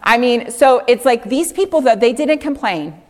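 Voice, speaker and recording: A woman giving an informal Bible teaching, chatty and earnest, laughing often and swinging between animated and hushed. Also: fairly high pitch, normal speed, long reverb tail.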